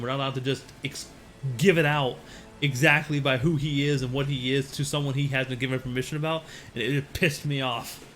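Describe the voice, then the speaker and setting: A man's voice: fairly high pitch, bright, forceful tone. A man streaming a game and chatting casually, rambling with frequent restarts. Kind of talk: casual chat while gaming.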